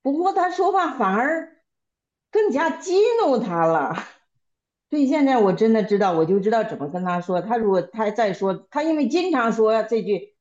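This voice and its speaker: Woman, church testimony, halting speech, repeats words, slightly muffled audio. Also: fairly high pitch, very animated, darkish tone. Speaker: church member sharing testimony. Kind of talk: testimony sharing in a Bible study group.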